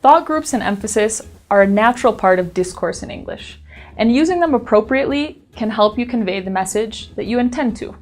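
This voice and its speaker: Woman teaching in a clear, measured voice. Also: on the high side, animated, faint music behind. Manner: clear, measured, stresses key words. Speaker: instructor. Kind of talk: scripted lesson narration.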